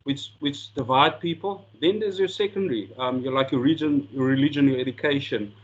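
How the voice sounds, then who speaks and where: A man's voice: mid-range voice, fairly quick, slightly rough, muffled recording. A South African man whose first language is Afrikaans, giving an earnest coaching talk with slides and often repeating words as he restarts sentences. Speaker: sport coaching lecturer.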